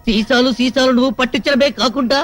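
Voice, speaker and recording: A man's voice: very high voice, steady tone, fast, over music. An actor playing a cheeky, wisecracking young man in a comedy film, with mocking, exaggerated delivery. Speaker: comic lead in a comedy film.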